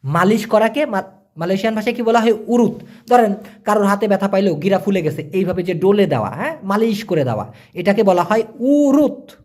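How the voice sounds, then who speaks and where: A teacher from Bangladesh, giving a spoken language lesson. The teacher explains patiently, repeats every word, spells some of them out letter by letter, and acts out little sounds and scenes to make the meaning clear. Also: mid-range voice, lively intonation, brisk, a little mellow.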